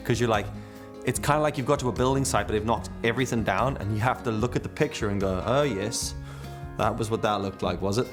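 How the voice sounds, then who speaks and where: Laid-back man, lower voice. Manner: laid-back, swears freely, chuckles through anecdotes. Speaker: travel vlogger. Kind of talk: casual travel storytelling.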